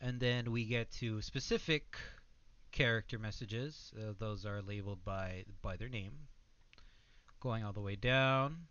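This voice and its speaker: Man, bright voice, narrates a game story, shouts the characters, hesitant when explaining code, dull mic, faint music. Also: on the low side, measured pace, clean tone, no echo. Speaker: student presenting a coding project. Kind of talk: reading a text adventure aloud, then explaining code.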